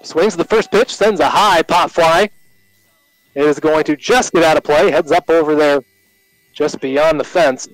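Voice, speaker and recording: American guy doing radio baseball play by play, slightly high voice, short clipped calls, pretty dry sound. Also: unhurried, no room sound, soft background music, rough recording.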